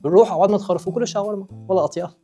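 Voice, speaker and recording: A man's voice: high-pitched, racing, dark tone, soft background music. A 22-year-old man with a Levantine Arabic accent, joking around in game-show banter. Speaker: contestant.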